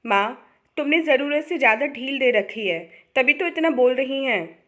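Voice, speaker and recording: A woman's voice: high voice, lively intonation, normal speed, fairly bright tone. A woman reading a story aloud and voicing a resentful, complaining young sister-in-law in her own voice. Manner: whiny, resentful.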